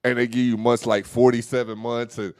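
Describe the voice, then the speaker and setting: A young man co-hosting a casual talk show, talking in loose slang and telling animated stories. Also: mid-range voice, a little fast, no echo, clean studio sound. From Dallas, Texas. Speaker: host. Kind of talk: casual podcast chat.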